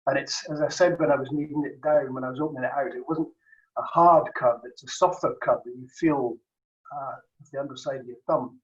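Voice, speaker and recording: A man's voice: mid-range voice, fairly even intonation, fairly quick. A man judging cheese, thinking aloud and weighing his words in a casual tasting commentary. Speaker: cheese judge. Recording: distant, roomy, dull video-call audio.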